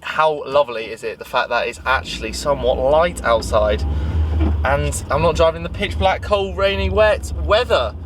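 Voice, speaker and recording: A man's voice: on the high side, normal speed, fairly bright tone, slight background noise. A man chatting casually to his camera as a fitness vlogger, upbeat and loose, with plenty of fillers. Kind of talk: casual vlog chat. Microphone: handheld camera.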